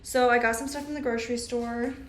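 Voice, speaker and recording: A woman's voice: a little high, steady tone, brisk, noisy background. A young woman talking casually in a video journal, chatty and rambling, recorded on a laptop's built-in mic at home. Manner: chatty, rambling, self-aware. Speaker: vlogger.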